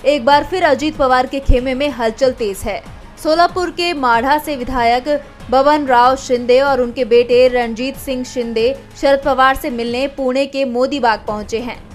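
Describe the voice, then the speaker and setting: A woman's voice: sits high, fairly even intonation, unhurried, faint music behind. A woman reporter reading a scripted voice-over for a breaking news report.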